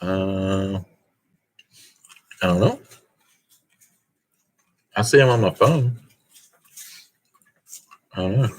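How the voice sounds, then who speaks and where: A man's voice: low voice, extremely slow, long pauses, slightly rough. A man hosting a casual live stream, reading viewer comments aloud and chuckling in a laid-back way. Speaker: host of a car channel live stream.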